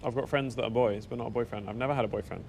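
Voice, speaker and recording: A thirty-something British man streams live from a central London café stop, where the motorcycle vlogger chats casually and self-deprecatingly into the small action-camera mic on his helmet. His mid-range voice is gravelly and rapid-fire, with fairly even intonation. Background noise can be heard.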